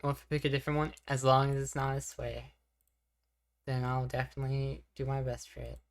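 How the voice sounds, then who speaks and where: This young woman talks briskly in a very deep voice with little pitch movement. She's streaming live and chatting casually, rambling, reacting to her chat, and making self-deprecating jokes.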